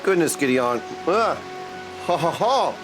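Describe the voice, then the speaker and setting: This low-quality recording captures a man with a fairly high, very animated voice speaking a little slowly as he livestreams a game. He jokes around casually with viewers using slang, with game music behind his voice.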